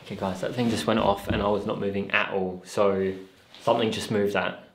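This thirty-something ghost hunter's voice sits on the low side, steady and a little fast, as he insistently questions unseen spirits and addresses the camera. The echoey bare basement is recorded indoors at night.

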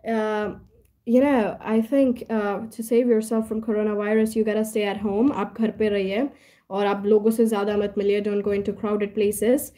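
Young Indian-accented woman, live Q&A host, relaxed unhurried delivery, Hindi-English mix. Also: mid-range voice. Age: young adult. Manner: mixes Hindi and English, switching mid-sentence. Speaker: young motivational speaker answering live comments. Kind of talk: casual live Q&A, reading out viewer comments.

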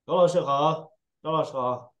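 A man's voice: a little high, moderate pace, a bit bright, dull audio. A man joining remotely by phone, repeatedly checking whether he can be heard. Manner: repeats himself, fussing over the connection. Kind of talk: casual audio check. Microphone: phone on a video call.

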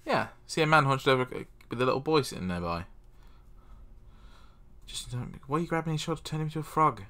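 A young man casually playing a text adventure, reading the game's text aloud and adding deadpan, self-mocking asides at a desk mic. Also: medium pitch, fast talker. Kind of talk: casual let's-play commentary.

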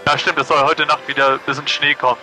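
A pilot talks to his viewers through a cockpit headset, his voice very bright and a little high. He narrates casually and with enthusiasm about the flight. Faint music sits behind him. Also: flat delivery, quick pace, poor audio. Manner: enthusiastic, marvels at the view. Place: small plane cockpit.

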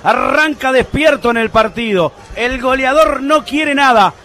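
Guy doing radio soccer analysis, really high voice, emphatic, flowery phrasing. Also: measured pace, bright, forceful tone. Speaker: football co-commentator. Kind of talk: live radio match commentary.

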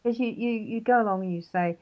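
An older Englishwoman, an author appearing as a guest, chats animatedly in a casual interview and laughs often. Her voice sits at a medium pitch and moves a little fast. The audio is dull, lo-fi internet radio.

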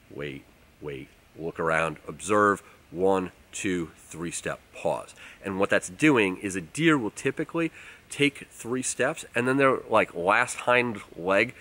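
A man, casually explaining outdoor tips to the camera in a relaxed way, recorded outdoors in a forest. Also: low-pitched. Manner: relaxed, explanatory, uses fillers like um and like. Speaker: outdoors channel host. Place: outdoors in a leafy winter forest.

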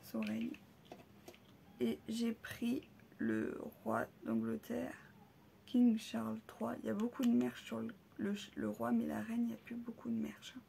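A woman with a rough, gravelly voice that sits a little high, talking slowly and warmly while she shows her purchases at home. She hesitates often and drops into soft half-whispers. A faint hum of room noise sits behind her. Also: completely flat delivery. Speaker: vlogger showing a shopping haul. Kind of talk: casual haul video.

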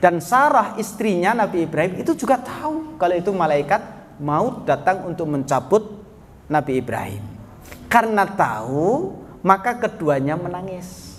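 A man's voice: high-pitched, very animated, moderate pace. A man preaching a storytelling sermon to a study group, chatting with the audience, asking them questions and calling them sir. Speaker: Islamic preacher. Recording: long hall reverb, faint background noise.

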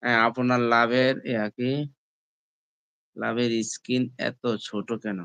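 A man's voice: mid-range voice, little pitch movement, a little slow, creaky, a bit bright, clean tone, dry recording, dull audio. A man, streaming live from home on a phone and chatting casually with his viewers, asking them again and again to comment and like. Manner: repeatedly asks viewers to comment and like; calls viewers "brother" and "friends". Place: indoors, at home.

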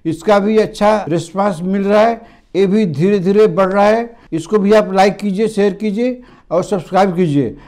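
An older man from India, working as a homeopathy doctor, talks at normal speed in a high, slightly mellow voice. Facing the camera in a green-screen studio with a lapel mic clipped on, he walks viewers through remedies as a health lesson. He treats them as friends and leans on simple, repetitive explanations.

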